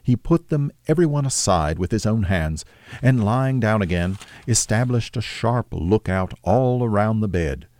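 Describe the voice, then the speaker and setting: A man narrating a classic novel as an audiobook, with measured, steady storytelling. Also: on the low side.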